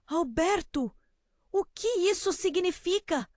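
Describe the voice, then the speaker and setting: A woman voicing a desperate, defiant young woman, shouting urgent questions. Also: extremely high pitch, animated, slow, no echo, clean studio sound, voice pushed up, full character voice.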